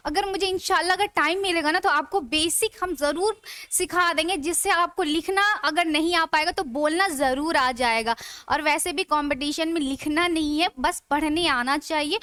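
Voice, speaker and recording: High, bright-voiced woman teaching class. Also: no room sound. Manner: chatty, rhetorical questions to students. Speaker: online Urdu grammar teacher. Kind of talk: live online class lecture.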